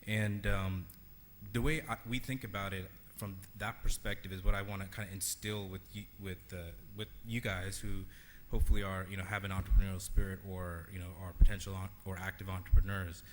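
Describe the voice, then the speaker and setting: Low-voiced man giving a conference talk. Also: level tone, a little fast, a little hiss or hum. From Sri Lanka. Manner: earnest, many fillers and restarts. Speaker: conference keynote speaker.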